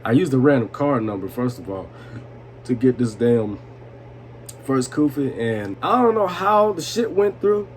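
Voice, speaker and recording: A man in his twenties, a storytelling vlogger, rambles tipsily through personal stories in a noisy room with steady background noise. His medium-pitched voice is unhurried, and he's casual, profane and slangy, chuckling and repeating "you know what I'm saying."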